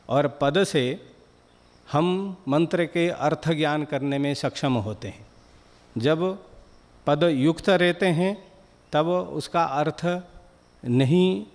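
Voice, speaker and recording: A man giving a spiritual discourse to a gathering, explaining patiently in short, measured phrases. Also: fairly high pitch, a little mellow, in a large hall. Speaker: spiritual teacher.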